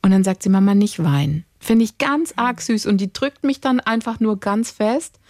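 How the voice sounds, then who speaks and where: Woman, 30s, casual storyteller, mid-pitched, lively and warm, dry close recording. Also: moderate pace, no echo. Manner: animated, acts out quotes of her children. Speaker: podcast co-host, mother.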